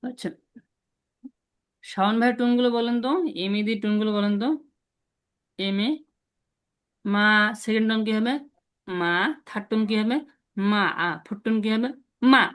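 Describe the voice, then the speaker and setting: A patient language teacher with a voice that sits high leads an online lesson over a video call. He repeats each sound slowly and clearly for his students to copy, keeping a steady, encouraging pace.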